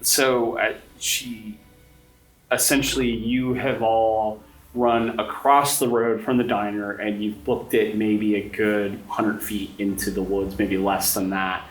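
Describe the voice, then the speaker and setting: Slow-talking man running a horror game. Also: lowish voice, little pitch movement, soft background music. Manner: slow, descriptive, addresses players directly. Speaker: game master. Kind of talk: narrating a tabletop horror game. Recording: roomy echo, distant mic, faint noise.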